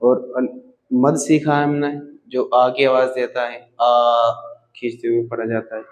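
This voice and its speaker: A man's voice: medium pitch, fairly even intonation, normal speed, darkish tone, a little hiss or hum, rough recording. A man teaching how to read a script in a patient, step-by-step lesson, stretching out vowel sounds to show them and often checking in with his learners. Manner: patient, checks in with "theek hai" after each point. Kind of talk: slow step-by-step language lesson.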